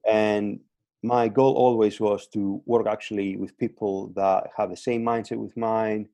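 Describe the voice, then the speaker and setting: A man in his thirties from Crete, Greece, is the strength and conditioning coach guest on a laid-back podcast, speaking English as a second language with a Greek accent. His lowish, dark voice keeps a level tone at a measured pace, broken by hesitant fillers and repeated words. The recording is dry.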